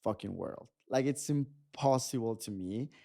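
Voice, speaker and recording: His mid-range voice is warm and gravelly, and he doesn't rush. The twenty-something Mexican-accented podcast guest keeps the chat casual and animated, frequently starting his sentences over.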